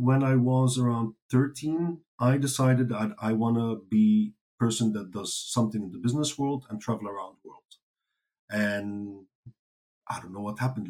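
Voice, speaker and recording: The audio is poor for this clip of a Dutch-native man giving casual interview answers. His voice is medium-pitched and darkish, and he rambles with many fillers and false starts while laughing easily.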